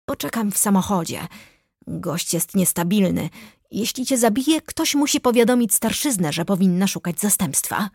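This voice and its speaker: A woman's voice: medium pitch, lively intonation, moderate pace, a little mellow, husky, no echo, studio quality. A woman voicing a sardonic, unhelpful male vampire partner who mumbles his lines dryly and unhurriedly in an audiobook.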